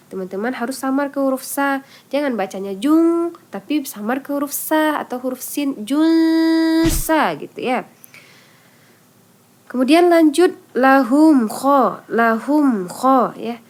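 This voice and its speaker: A high-pitched woman teaches the rules of Quran recitation in an online lesson. She explains patiently step by step, asks questions and answers them herself, and draws out example syllables slowly.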